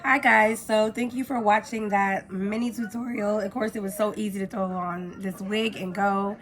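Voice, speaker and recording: Hoarse woman chatting through a casual review. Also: medium pitch, fairly even intonation, normal speed. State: hoarse from a cold. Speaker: beauty vlogger reviewing products.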